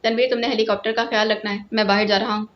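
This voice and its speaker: Give me a woman playing a stern spy leader giving curt orders, slightly high, dull recording. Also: level tone, close to an everyday voice. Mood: brisk. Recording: lo-fi, dull sound.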